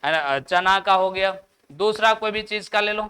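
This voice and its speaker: A man's voice: sits high, moderate pace, sharp tone, clear, resonant tone. A man with a Bihari Hindi accent teaching a classroom biology lecture. He keeps asking the class questions, answers them himself, and tags his sentences with "है ना". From Bihar, India.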